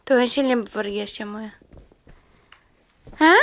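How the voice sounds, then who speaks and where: A woman's voice: fairly high pitch, vocal fry, heavy background noise. A woman in a home video, coaxing a toddler with playful, sing-song baby talk.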